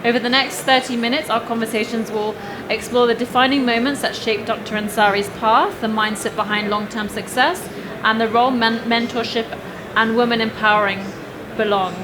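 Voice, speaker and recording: A woman's voice: on the high side, fairly even intonation, brisk. A young adult woman hosting a fireside interview, upbeat and gushing, with fillers. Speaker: interview host. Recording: clear background noise.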